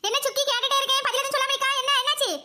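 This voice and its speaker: Woman doing cartoon teacher, doubting, stern, questioning, very high voice, faint hiss. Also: flat delivery, racing, bright, forceful tone, heavily acted. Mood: skeptical. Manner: skeptical, questioning, commanding. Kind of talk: cartoon comedy voice acting.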